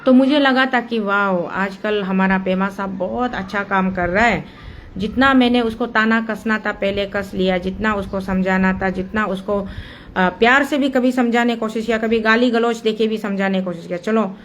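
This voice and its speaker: A woman's voice: mid-range voice, moderate pace, a little hiss or hum. A woman with an Arunachal accent giving an impassioned monologue, explaining a procedure step by step and mixing English phrases into her Hindi. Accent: Arunachal Pradesh. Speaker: activist speaking on a local dam issue.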